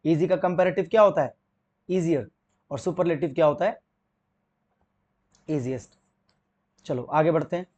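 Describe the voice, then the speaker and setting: A young Indian man teaching an exam-prep grammar lesson, asking and answering his own questions and reading example sentences slowly. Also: a little high, a little mellow, lo-fi sound.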